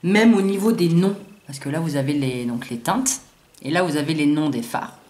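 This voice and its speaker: A woman doing a casual makeup haul video, talking in slangy, excitable bursts and swearing freely as she tests colours and trips over English names. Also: low voice, normal speed. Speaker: beauty vlogger. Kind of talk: casual haul review with swatches. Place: sunny room at home. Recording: roomy echo, faint background hiss.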